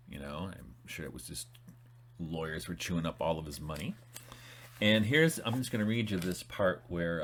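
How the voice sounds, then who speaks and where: A man's voice: low voice, fairly bright tone, a little hiss or hum. A man talking informally and reading passages aloud from a book, rambling with frequent restarts and asides. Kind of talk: casual talk with reading aloud.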